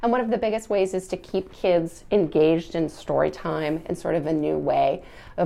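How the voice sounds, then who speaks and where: A woman with a low, slightly creaky and somewhat mellow voice hosts a session where she reads a children's book aloud and answers questions. Her talk moves between read-aloud storytelling and informal explanation.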